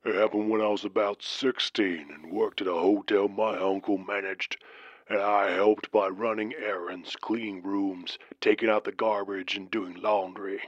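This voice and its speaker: A man voicing a trucker caller with a deep southern accent, telling a strange tale slowly in a hushed, drawling way. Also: fairly even intonation, no echo, lo-fi sound, lightly acted. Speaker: caller in a story. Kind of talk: storytelling narration.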